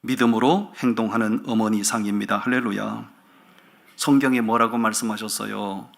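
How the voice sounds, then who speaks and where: A male pastor preaching a sermon in a lively way, often asking the congregation questions. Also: on the low side, normal speed, creaky. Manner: animated, asks the congregation rhetorical questions.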